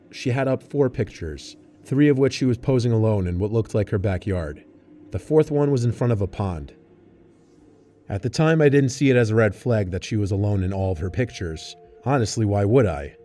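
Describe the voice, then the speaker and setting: Man, scripted story narration, lowish pitch, dark mellow tone, music behind. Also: lively intonation, moderate pace.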